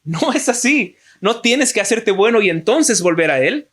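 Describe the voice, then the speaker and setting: A man's voice: sits high, lively intonation, moderate pace, fairly bright tone. A man with a Mexican Spanish accent preaching a sermon, asking rhetorical questions and acting out quoted excuses in a raised voice.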